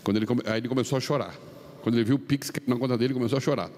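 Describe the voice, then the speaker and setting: A middle-aged Brazilian man preaching as a pastor, telling a story with quoted dialogue and swinging his pitch up and down. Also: steady tone, racing, darkish tone. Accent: Brazilian Portuguese. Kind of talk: sermon storytelling. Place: large arena. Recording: long reverb of a large arena, faint noise.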